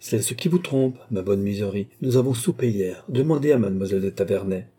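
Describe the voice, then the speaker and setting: A man reading an audiobook who voices a lively, playful young queen with an exuberant manner. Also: fairly quick, husky. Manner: exuberant, raised pitch.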